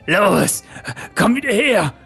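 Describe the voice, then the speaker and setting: A man's voice: high-pitched, sing-song, takes it slowly, vocal fry, fairly bright tone, husky, faint music behind, voice pushed up, heavily acted. A man voicing a pompous male merchant who gives orders and then pleads. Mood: commanding. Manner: commanding, pleading.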